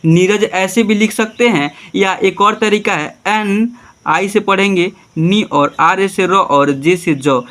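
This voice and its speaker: Male tutor, high pitched, patient step-by-step teaching manner. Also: takes it slowly, fairly bright tone. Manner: spells names out letter by letter, patient; keeps prompting "ठीक है, देखिए". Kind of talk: classroom-style tutorial.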